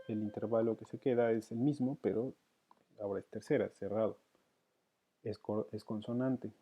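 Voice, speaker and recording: Male music teacher, fairly low voice, hesitant think-aloud delivery, muffled lo-fi recording. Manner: thinks aloud with many fillers and restarts. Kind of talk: counterpoint lesson, thinking aloud. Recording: dull lo-fi sound.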